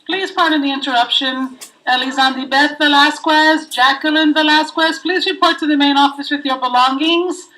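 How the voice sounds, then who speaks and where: A woman making a formal school office announcement over a PA system, loud and measured, repeating her message. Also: high voice, fairly even intonation, poor audio.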